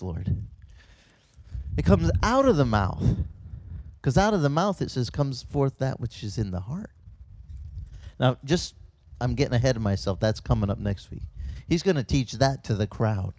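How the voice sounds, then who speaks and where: An Italian-raised man preaches a sermon as a pastor, telling stories in a lively, conversational manner full of quick asides and restarts. His voice sits in the mid range, and the outdoor recording is poor, though it has no echo.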